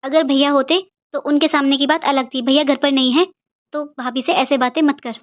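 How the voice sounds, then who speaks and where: A woman doing a low-voiced, cautious elder sister in a cartoon. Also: steady tone, normal speed, lightly acted. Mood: hushing. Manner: low, soothing, hushed. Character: elder married sister, calm and cautious peacemaker. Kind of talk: cartoon voice acting.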